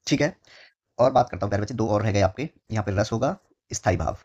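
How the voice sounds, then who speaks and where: A male teacher giving an exam-prep lesson, repeating key words slowly and often calling his students his dear children. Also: fairly low pitch, a little mellow, highs cut off.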